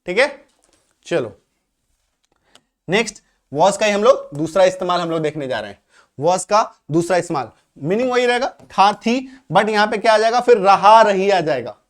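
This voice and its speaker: High-voiced Indian man teaching grammar. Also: expressive. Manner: explains step by step, often checks with 'okay, clear?'; slows right down when reading out English examples. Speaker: English teacher. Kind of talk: grammar lesson.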